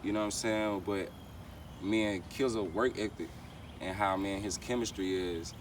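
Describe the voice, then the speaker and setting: A young man who raps is being interviewed, talking loosely in street slang, rambling and repeating phrases, with frequent "you know what I'm saying." His voice is lowish and steady at a normal pace; the mic sits far off and outdoor traffic is clearly audible.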